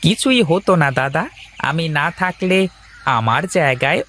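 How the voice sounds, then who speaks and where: A man's voice: a little high, lively intonation, normal speed, sharp tone, a little hiss or hum. A man voicing a caring village neighbor who takes charge and reassures others in a cartoon story. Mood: reassuring. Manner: urgent, reassuring. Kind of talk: animated cartoon voice acting.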